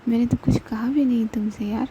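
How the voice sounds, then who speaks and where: A woman reading as Mahi, a brisk young woman. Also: a little high, steady tone, heavy background noise, natural voice. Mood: coaxing. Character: young woman, brisk and impatient but tender.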